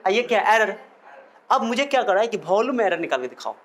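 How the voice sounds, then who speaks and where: A man's voice: high voice, very animated, fast, fairly bright tone. A male physics teacher works through problems. He teases and quizzes his students as he goes. He keeps the lecture playful and joking. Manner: teasing, jokey, quizzes the students.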